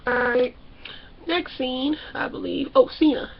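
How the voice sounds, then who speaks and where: A brash, foul-mouthed woman recaps a reality show, her voice sitting high and a little husky. She slips into quick impressions of the people she describes. The recording sounds dull and lo-fi. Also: fairly even intonation. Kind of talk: casual comedic TV recap.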